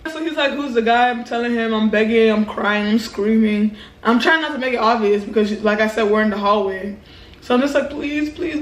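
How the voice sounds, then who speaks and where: A young woman from a Nigerian family telling a storytime vlog in a lively, animated way, acting out quotes with exclamations. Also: on the high side. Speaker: vlogger. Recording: roomy echo.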